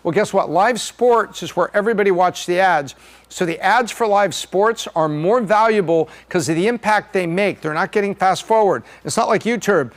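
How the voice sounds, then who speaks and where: Middle-aged guy hosting a podcast, talks through charts, jokey, pretty high voice. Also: moderate pace. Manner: chatty and joking. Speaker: podcast host.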